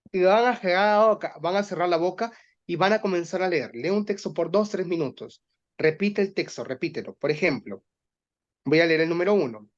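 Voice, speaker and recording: High-voiced man teaching voice exercises. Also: dull audio. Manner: explanatory, demonstrates exercises aloud. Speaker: voice workshop instructor for teachers. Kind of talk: online workshop teaching.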